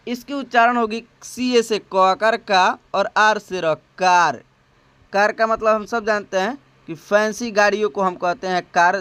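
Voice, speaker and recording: A man teaching English spelling and pronunciation, spelling each word out slowly and asking his viewers questions, recorded on a phone. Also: high voice, fairly bright tone, smooth, no room sound. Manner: slow and patient, spells words out letter by letter; repeats himself and asks the viewers questions.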